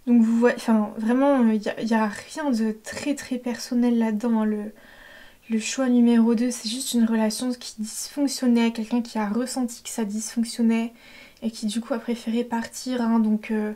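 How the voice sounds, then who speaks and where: A woman giving an intuitive tarot reading, talking hesitantly with many fillers and a gentle tone. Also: fairly high pitch, level tone, moderate pace. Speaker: tarot reader. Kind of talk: intuitive card-reading guidance.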